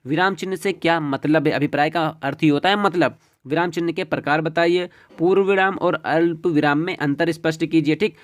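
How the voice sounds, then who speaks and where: A man's voice: on the high side, steady tone, brisk, few pauses. A man teaching an exam-prep lesson, walking through questions and checking in with "ठीक है" and "देखिए" as he goes. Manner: repeats "ठीक है" and "देखिए" as he explains.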